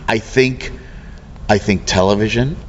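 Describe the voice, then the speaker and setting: A middle-aged American man with a deep voice is interviewed casually at an event venue before a program starts, representing a local arts program. He comes across as earnest and halting, circling back mid-sentence. The on-location recording is dull, noisy and slightly muffled.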